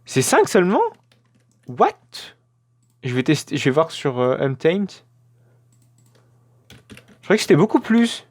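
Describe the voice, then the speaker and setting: A man's voice: fairly high pitch, very animated, normal speed, long pauses. A man hosting a let's play, chatting casually as he builds in a game, with frequent filler sounds and self-corrections. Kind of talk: casual gameplay commentary.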